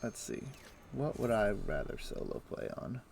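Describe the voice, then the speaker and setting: This gamer has a fairly low pitch, some vocal fry, and a moderate pace, with faint music behind him. Streaming from home on a headset, he chats easily and muses aloud, dropping plenty of ums and uhs.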